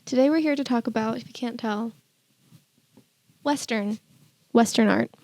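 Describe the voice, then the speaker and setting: A woman's voice: fairly high pitch, normal speed, a little mellow, dry recording. A woman co-hosting a podcast, chatting casually about art in a rambling, giggly way and often restarting her sentences. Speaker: podcast co-host.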